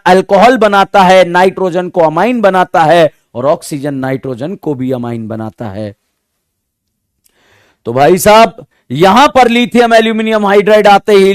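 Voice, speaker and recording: Male chemistry tutor, high voice, dry close sound, quizzes the class nonstop and repeats answers back, rhymes to make facts stick. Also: clear, resonant tone, dry recording. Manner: drills students with call-and-response questions and repetition; coins catchy rhyming mnemonics. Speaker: chemistry teacher. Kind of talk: exam-prep chemistry lecture.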